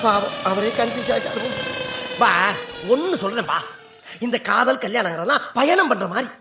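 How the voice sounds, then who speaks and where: Bright, chuckling comic sidekick, echoey room. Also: male voice, very high-pitched, expressive, moderate pace, creaky, faint music behind, full character voice. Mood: teasing. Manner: playful, chuckling, teasing. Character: cheeky young sidekick philosophizing on love. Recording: echoey room, faint noise.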